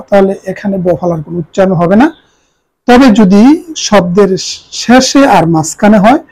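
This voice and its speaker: A woman's voice: mid-range voice, darkish tone, low-quality recording. A woman who teaches a grammar lesson, explaining step by step and repeating each answer.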